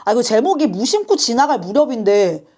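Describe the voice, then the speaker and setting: Woman, reaction host; lively, chatty, apologetic asides, a bit high. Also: brisk. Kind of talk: casual reaction chat.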